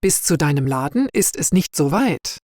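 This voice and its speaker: A woman's voice: deep voice, sing-song, normal speed, darkish tone, no echo. A woman voicing a cheerful, helpful young male friend in a read-aloud story for learners, friendly and upbeat.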